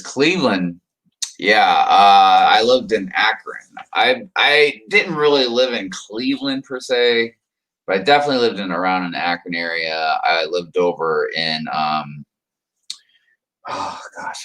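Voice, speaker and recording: Heard on a low-quality recording, a low-pitched man from the United States with a fairly bright tone rambles through a casual livestream chat. He chuckles, reads viewers' comments out loud and addresses them by name.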